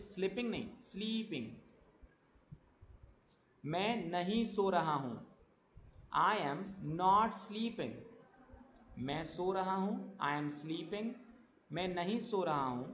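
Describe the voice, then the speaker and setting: Guy teaching english, says each example sentence slow, muffled sound with a little hiss. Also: sits high, fairly bright tone. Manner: slow drilled example sentences with quick explanations in between. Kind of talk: spoken English lesson. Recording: echoey, dull lo-fi room sound.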